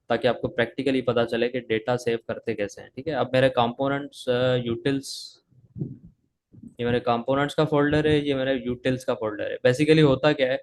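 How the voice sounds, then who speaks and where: A man teaching coding live over a video call, with a sore throat that makes him cough, often checking in with "theek hai". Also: medium pitch. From Pakistan. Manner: talks while typing, frequent "theek hai" checks. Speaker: coding instructor.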